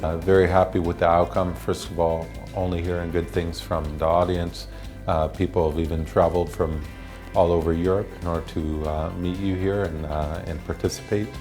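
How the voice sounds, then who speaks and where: Low, flat-toned man giving a testimonial. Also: moderate pace, few pauses. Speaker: event exhibitor giving a testimonial. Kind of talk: casual on-camera testimonial. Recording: music behind the voice.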